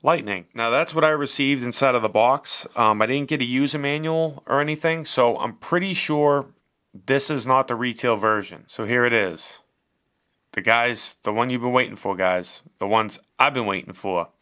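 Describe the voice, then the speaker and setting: A man's voice: mid-range voice, moderate pace, bright, forceful tone. A man giving a casual, chatty product review as he unboxes and shows a device, swearing now and then.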